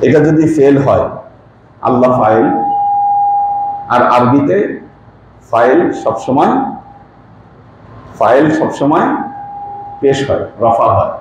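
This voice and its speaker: A man's voice: mid-range voice, slow pace, long pauses. Man teaching religion in an echoey room. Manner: explains pronunciation, asks the listeners questions. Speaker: Sufi pir and religious teacher. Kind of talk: religious lesson. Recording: very echoey room, faint noise.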